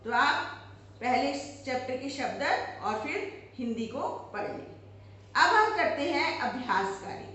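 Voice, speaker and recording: A woman teacher giving a lesson, explaining step by step and saying words slowly so students can repeat after her. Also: high voice, expressive, pushed and bright, heavy reverb, a little hiss or hum. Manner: slow, clear, repeats words for students to follow.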